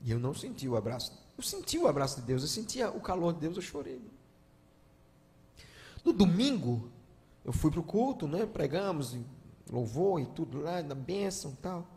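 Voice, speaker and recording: A guest pastor, preaching a sermon and telling stories, moving from hushed to loud emotional appeals. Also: male voice, fairly high pitch, big pitch swings, moderate pace. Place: large church hall. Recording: long church-hall reverb.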